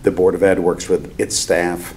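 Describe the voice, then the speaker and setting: Low, mellow man at a board meeting. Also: little pitch movement, moderate pace. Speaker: board of finance member. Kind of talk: measured meeting remarks. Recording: faint background noise.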